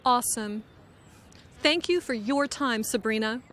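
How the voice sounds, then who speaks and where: A woman playing a cheerful news reporter who interviews tourists outdoors, speaking clearly and slowly for an English lesson. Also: a little high, fairly bright tone. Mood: upbeat. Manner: clear, upbeat, slow teaching delivery. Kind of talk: scripted English lesson dialogue. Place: outdoors in a city. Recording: music bed under the voice.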